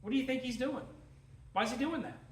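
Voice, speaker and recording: A man teaching a Sunday school class in an animated way, asking his listeners questions as he goes. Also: extremely high pitch, fast, a little hiss or hum. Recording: echoey room, mic at a distance.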